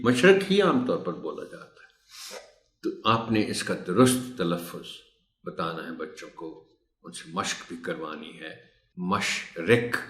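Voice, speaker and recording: Casting: low-voiced male teacher trainer, patient and explanatory, echoey room. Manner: recites a poem with rhythm, then explains pronunciation patiently. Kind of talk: recorded tutorial for teachers.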